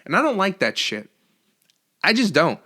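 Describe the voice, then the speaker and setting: A man's voice: sits high, huge pitch swings, moderate pace, pushed and bright. A young man hosting a solo podcast, ranting casually and profanely with lots of restarts. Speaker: podcast host.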